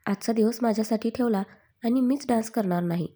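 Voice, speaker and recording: A woman's voice: fairly high pitch, fairly quick, mellow, lightly acted. A woman voicing a playful young man who teases and jokes in a family storybook reading. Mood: teasing. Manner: cheeky, joking.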